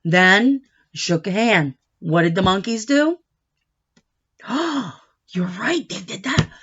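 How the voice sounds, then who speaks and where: On a dull home recording, a woman with a husky, mid-range voice reads a picture book aloud to children. She is expressive and coaxing, pausing to ask the young listeners questions and prompt them.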